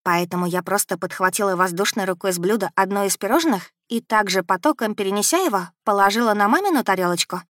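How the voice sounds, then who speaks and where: In a clean, dry studio recording, a woman with a medium-pitched voice narrates a first-person audiobook, telling the story in an even, measured way.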